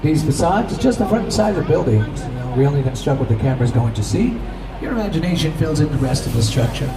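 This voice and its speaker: A man working as a tram tour guide, speaking in a friendly announcer's patter over an outdoor tram loudspeaker. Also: a little high, big pitch swings, fast, a crowd in the background. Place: open-air studio tram, outdoors. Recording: distant loudspeaker over loud vehicle noise.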